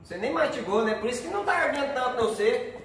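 A Brazilian man chatting excitedly on a vlog, exclaiming as his mouth burns from spicy food. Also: very high-pitched, racing, far from the mic, a little hiss or hum. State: mouth burning from spicy pepper. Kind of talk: casual chat during a food challenge vlog. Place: covered outdoor kitchen area with bare walls. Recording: echoey reverberant bare tiled room.

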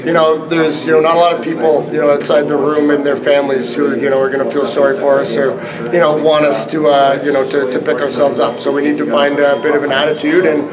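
A man in his thirties, a head coach answering reporters after a game, halting with many fillers and restarts. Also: a little high, flat delivery, over a noisy crowd. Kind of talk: post-game press scrum. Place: arena press area, indoors.

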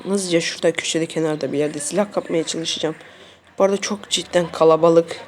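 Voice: mid-range voice, steady tone, fairly quick. A streamer giving casual commentary on a mobile shooter game, repeating short phrases and talking straight to the viewers. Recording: faint noise and clicks.

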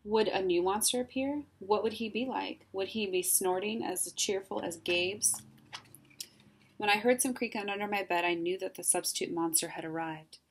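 A woman reading a children's picture book aloud in an expressive storytelling manner. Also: medium pitch, normal speed, slight background noise. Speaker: reader.

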